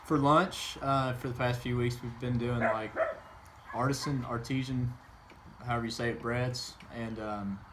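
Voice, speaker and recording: A man's voice: medium pitch, steady tone, unhurried, background noise. Hesitant man in a casual chat. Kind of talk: casual interview answer.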